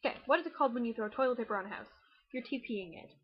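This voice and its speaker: A young Canadian woman with a slightly high, husky voice chats through an accent challenge in a quick, self-mocking way. Her Canadian accent comes through on a muffled, lo-fi webcam recording. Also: expressive. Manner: chatty, rushed and self-mocking. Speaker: vlogger. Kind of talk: casual accent challenge video.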